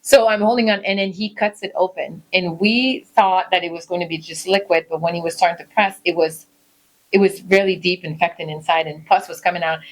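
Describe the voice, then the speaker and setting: Animated mother telling a family story. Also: on the low side, fairly quick, low-quality recording. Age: middle-aged. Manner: animated storyteller, acts out quotes, laughs easily. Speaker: podcast co-host, mother. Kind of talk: casual chat, lively storytelling.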